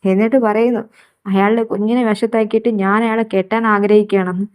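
A woman's voice: medium pitch, fairly even intonation, quick pace, darkish tone, clear, resonant tone, lightly acted. A woman voicing a stubborn young daughter. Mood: annoyed. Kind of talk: Malayalam fan audio drama.

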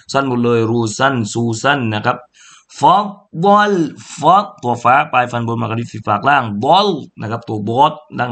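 A man teaching Quran recitation, chanting verses very slowly and then explaining pronunciation sound by sound in a relaxed, lower voice. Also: gravelly. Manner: says polite particles often and repeats sounds to demonstrate.

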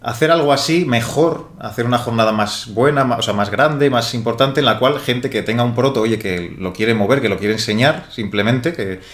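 A man's voice: medium pitch, normal speed, hardly any pauses, fairly bright tone, roomy sound. A young man hosting a board game live stream, chatting loosely with many restarts and self-corrections, speaking into a desk microphone on a small studio set. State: sweating heavily. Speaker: host of board game channel. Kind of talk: casual live-stream chat.

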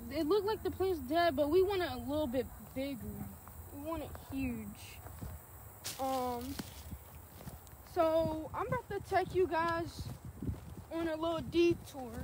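A teenage girl with a Kentucky accent giving a casual guided tour of a farm field, chatty and loose with many ums as she walks and points. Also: sits high. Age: teen. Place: outdoors on an open urban farm field. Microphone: camera held by a person following a few feet behind. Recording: outdoor field noise on a handheld camera.

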